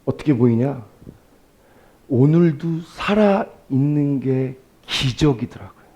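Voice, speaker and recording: A male pastor preaching a sermon, shifting between soft storytelling and loud, emphatic exclamations, asking the congregation rhetorical questions. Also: mid-range voice, lively intonation, slow. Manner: addresses congregation directly, asks rhetorical questions.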